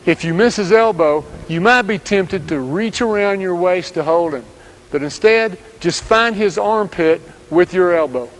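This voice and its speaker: A man giving scripted instructional narration as a basketball coach, speaking in steady, direct commands. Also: high voice, a little slow, low-quality recording.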